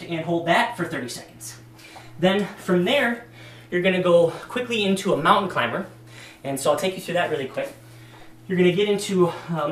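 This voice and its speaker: A man's voice: on the high side, a bit bright. A man demonstrating workout exercises as a fitness instructor, talking casually with many fillers and a bit out of breath. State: slightly out of breath. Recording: echoey room, distant mic.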